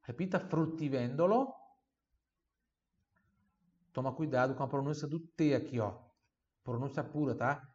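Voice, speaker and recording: A man teaching a language online, repeating words slowly and clearly, then explaining them and asking viewers to repeat. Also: medium pitch, darkish tone. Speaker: Italian teacher. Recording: slightly dull lo-fi sound.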